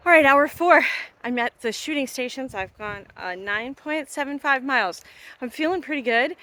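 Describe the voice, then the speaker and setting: A woman vlogging her way through a trail race talks casually and thinks aloud as she moves, giving chatty outdoor check-ins. Her voice is high-pitched, bright and forceful at a moderate pace, with faint music behind her. The handheld recording is noisy and has clicks.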